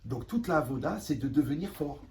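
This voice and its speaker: A man with a fairly high voice teaches a room of teenagers. He is animated, repeats himself for emphasis and acts out short scenes. He sounds set back from the microphone, with a faint hum of room noise. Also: brisk, distant mic. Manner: animated, repeats phrases, asks the class "vous me suivez". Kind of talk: lively spoken lesson to a class.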